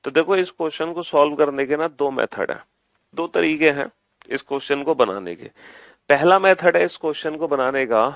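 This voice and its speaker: A man's voice: fairly high pitch, vocal fry, a bit bright, no room sound. A young man teaching an exam-prep reasoning lesson, repeating each step and asking questions that he answers himself in the students' voice. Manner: answers his own questions in the students' voice, addresses them as beta; spells out letters slowly, repeating each step.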